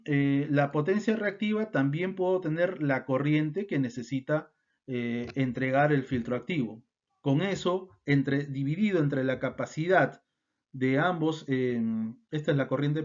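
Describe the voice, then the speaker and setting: A man with a somewhat high voice lectures through a technical topic, checking in with his listeners after almost every point. The recording sounds dull and lo-fi. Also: darkish tone. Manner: explanatory, frequent tag questions and fillers. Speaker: instructor.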